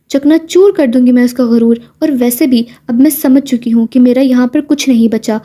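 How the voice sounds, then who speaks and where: Vengeful young woman, read by a woman narrator, jealous, ranting threats, high voice, mellow tone.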